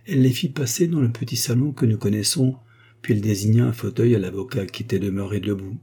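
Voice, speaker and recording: A man narrates a classic novel at a measured, even pace. His voice is dark and mellow, with a husky, slightly breathy grain. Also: on the low side. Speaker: audiobook narrator. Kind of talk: reading a 19th-century novel aloud.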